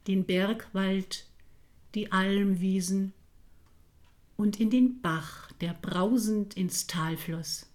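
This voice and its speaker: A woman reading a children's story aloud, slowly and gently. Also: mid-range voice.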